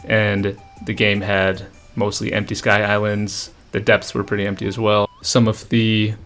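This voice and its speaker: A man's voice: lowish voice, level tone, unhurried, fairly bright tone, faint music behind. A man hosting a gaming channel, giving unscripted, opinionated casual commentary with frequent "um" and "I think".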